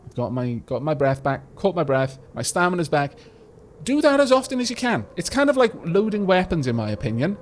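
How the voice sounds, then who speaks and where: A man hosts a let's play, explaining game mechanics in a casual, chatty way with a slight rumble to his voice. His commentary is explanatory and loose, full of fillers and frequent restarts.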